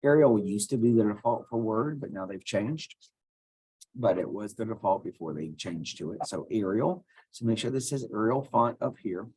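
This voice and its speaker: Low husky male teacher. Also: lively intonation, normal speed, a little mellow. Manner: step-by-step, talks while clicking; casual, thinks aloud. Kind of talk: screen-recorded software tutorial.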